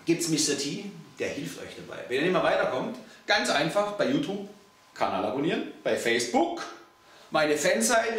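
Middle-aged trainer guy pumping people up, keeps repeating himself, sounds far from the mic in a super echoey room. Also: a little high. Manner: energetic, emphatic, repeats key phrases. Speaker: personal trainer. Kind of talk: motivational talk to camera.

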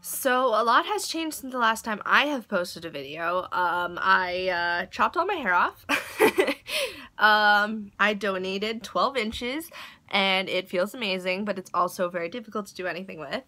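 A woman's voice: mid-range voice, animated, moderate pace, pushed and bright. A teenage girl vlogging in a chatty, apologetic way with lots of fillers. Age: teens. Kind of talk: casual chat.

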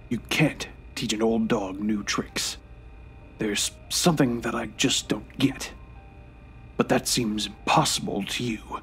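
An actor with a mid-range voice portrays a frail, bitter, remorseful old grandfather in an audio drama. The delivery is halting and irritable, sometimes hushed and breathy.

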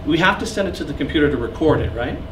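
This recording clinic instructor, a man in his thirties, is expressive and rapid-fire, his voice a little high. He walks a seated audience in a small classroom through gear, chatting, joking, and gesturing. The clip, taken by a camera at the room's back, sounds far away, echoey, and noisy.

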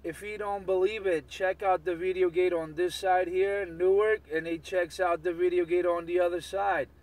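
Casual CB chatter from a male operator whose high-pitched, slightly mellow voice moves at normal speed with fairly even intonation. He repeats slangy catchphrases over and over, transmitted from a distance amid outdoor vehicle noise.

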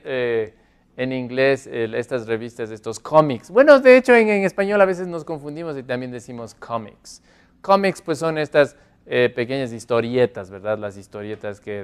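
A man who speaks Spanish natively, teaching an English lesson, modelling phrases slowly and repeating them with care. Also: medium pitch, clear, resonant tone. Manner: slow, careful modelling of English phrases with repetition. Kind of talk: classroom lesson. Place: classroom with a board.

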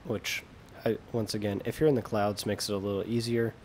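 A man's voice: on the low side, little pitch movement, brisk, darkish tone, a little hiss or hum. A young American man giving casual, self-deprecating commentary over gameplay, often trailing off mid-sentence. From United States. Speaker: gaming video creator.

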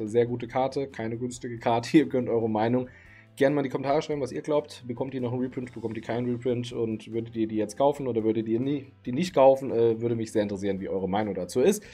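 A tired man in his thirties, recording late at night in his home streaming room, gives easygoing card market commentary to camera. His voice is mid-range and dark, and he chats along with plenty of filler words.

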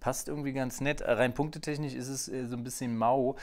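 A man's voice: mid-range voice, steady tone, brisk, darkish tone. A man co-hosting a board game video, talking casually through his turn and counting cards under his breath. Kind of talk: casual let's play commentary.

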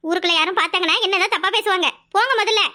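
Curt, sharp-tongued young village woman with a southern Tamil accent, cartoon. Very high, bright voice and rapid delivery. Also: heavily acted. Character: young unmarried village woman, stern, dutiful daughter. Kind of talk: cartoon voice acting.

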